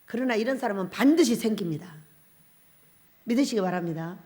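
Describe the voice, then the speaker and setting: A woman pastor preaching a revival sermon, animated and laughing often as she puts questions to the congregation. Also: mid-range voice, fairly quick.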